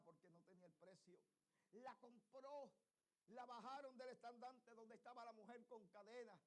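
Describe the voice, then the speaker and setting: Very high-voiced impassioned male preacher. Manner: impassioned storytelling preaching, swinging from hushed to shouting. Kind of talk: sermon. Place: church.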